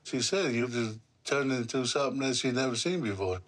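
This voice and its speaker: A middle-aged man from the Pacific islands, speaking seriously and haltingly in an unscripted conversation, with measured pauses. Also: mid-range voice, lively intonation, fairly bright tone. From Pacific islands, Samoa. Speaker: father-in-law, reality show participant. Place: small indoor room in a house.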